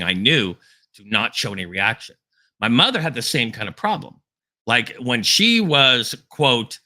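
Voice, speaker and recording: A man's voice: lowish voice, pushed and bright. A man giving an informal Bible teaching, telling personal stories in a conversational way with frequent restarts. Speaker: preacher.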